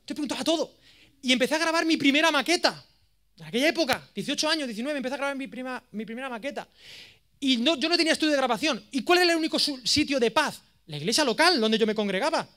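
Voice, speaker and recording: A man in his thirties with an accent from Spain, giving a course lecture as a lively, self-mocking storyteller. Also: very high voice, fast. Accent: Spain Spanish. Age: 30s. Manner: animated, self-mocking, jokey.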